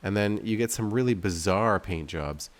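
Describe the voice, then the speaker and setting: Playing the game he made, this video host speaks at a normal speed in a fairly low-pitched male voice. His commentary is casual and wandering, full of self-deprecating thoughts spoken aloud.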